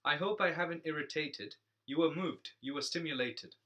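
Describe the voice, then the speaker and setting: A man with a slightly high, very bright voice reads rhyming comic verse. His delivery is playful and sing-song, and he leans into each rhyme. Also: normal speed.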